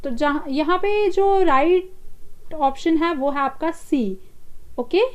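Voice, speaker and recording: An Indian woman teaching an exam-prep English vocabulary lesson, explaining in Hindi and reading the English answer options slowly. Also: sits high.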